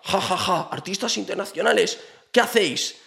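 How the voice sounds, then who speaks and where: A man's voice: high-pitched, normal speed, gravelly, bright, forceful tone, pitched above the performer's own voice, full character voice. A man voicing an amused police officer who chuckles and asks curious questions, quoted inside a storytelling anecdote.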